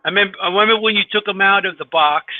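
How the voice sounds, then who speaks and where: Male co-host, high voice, casual chatter, thin phone-quality sound. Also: rapid-fire, no room sound. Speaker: podcast co-host. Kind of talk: casual chat.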